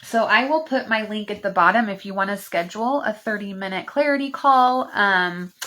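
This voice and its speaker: A spiritual mindset coach hosts a live stream, chatting affectionately with viewers and reading oracle cards aloud. She rambles with lots of fillers, speaking at normal speed in a medium-pitched voice that sounds pushed and bright.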